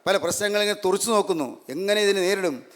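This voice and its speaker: A man's voice: high voice, fast, fairly bright tone. A man preaching a sermon, emphatic and repetitive, full of rhetorical questions. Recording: long hall reverb.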